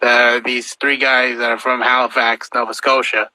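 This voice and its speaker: A man's voice: medium pitch, level tone, moderate pace, pushed and bright, no room sound, poor audio. A man, a guest voice actor, chatting casually on a podcast, rambling with lots of fillers.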